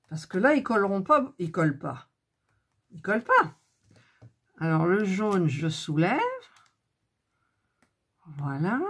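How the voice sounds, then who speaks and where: A woman's voice: medium pitch, husky. A middle-aged woman doing a casual hands-on craft demo, grumbling and talking to herself as she works, filmed up close on a phone. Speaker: craft video host.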